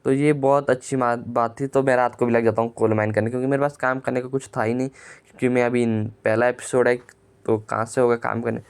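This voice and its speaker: A man's voice: medium pitch, level tone, a little fast, smooth. A young man casually narrating his own gameplay, chatty and self-mocking, telling it in a hurry. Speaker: gaming YouTuber.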